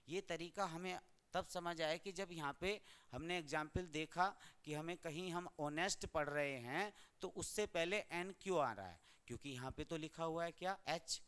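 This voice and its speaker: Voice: medium pitch, fairly bright tone, clean tone. A teacher from India giving a grammar lesson, who keeps asking the class questions and answering them.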